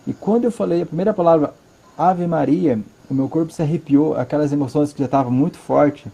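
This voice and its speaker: A man with a Brazilian Portuguese accent tells his story in earnest from his living room. He pauses often and repeats words to stress them. His voice sits a bit high but sounds soft and mellow. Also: vocal fry, breathy edge. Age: adult, father of a five-year-old. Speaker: interview guest. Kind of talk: personal testimony in conversation.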